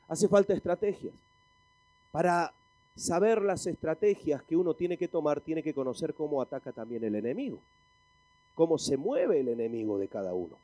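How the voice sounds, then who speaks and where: A man's voice: a little high, dark tone, no echo. A male pastor with a Spain Spanish accent, preaching emphatically and asking the congregation questions as he reads scripture. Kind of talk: sermon.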